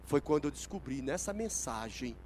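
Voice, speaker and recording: A man preaching a sermon at a church service. He is emphatic, swinging from hushed asides to shouted exclamations. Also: a little high, lively intonation, normal speed, slight background noise, low-quality recording.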